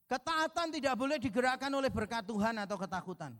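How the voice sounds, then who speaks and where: With an extremely high, expressive, fairly bright voice, this Indonesian man talks fast as he preaches a sermon. He's a pastor in a large church hall, full of long reverb, where he tells stories, performs the dialogue, and jokes with his congregation.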